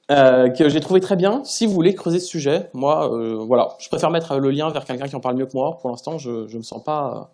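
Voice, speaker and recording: A man's voice: fairly high pitch, dark tone. A man giving a conference talk to a live audience in a conversational, self-deprecating way, often restarting his sentences. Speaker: conference speaker. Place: conference room.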